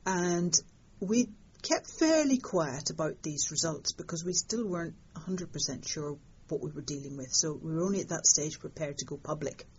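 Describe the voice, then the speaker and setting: An older woman talks through a discovery in a relaxed interview, wry and vivid. Her voice sits low and sounds husky. The recording is somewhat dull and lo-fi. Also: normal speed, few pauses. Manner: lively storytelling, fond of understatement. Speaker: interviewed astronomer. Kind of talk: conversational interview.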